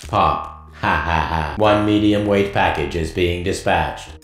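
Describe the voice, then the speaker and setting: Deep glitchy robot postal machine, flat robotic announcements, echoey, bit of game music behind. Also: male voice, gravelly, exaggerated voice. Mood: mechanical. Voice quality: mechanical, announcing in flat set phrases. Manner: repeats error messages, slow and measured. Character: glitchy male parcel-dispatch machine, deep and monotone. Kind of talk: video game voice acting.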